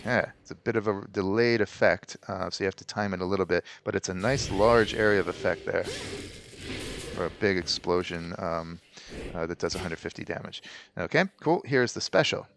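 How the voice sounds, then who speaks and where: Low-voiced man, slightly hoarse gamer. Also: normal speed, noisy background. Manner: chatty, hesitant with many ums and restarts. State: voice going hoarse. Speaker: let's play host. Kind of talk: casual gameplay commentary.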